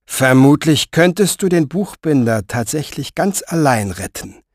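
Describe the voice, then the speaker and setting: A man voicing a scheming villain in an audiobook, speaking softly and slowly with a velvety menace. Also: a little high, sing-song, no echo, clean studio sound, full character voice. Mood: silkily menacing. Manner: soft, velvety, slow, menacing. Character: smooth scheming male sorcerer-reader, soft-voiced and menacing.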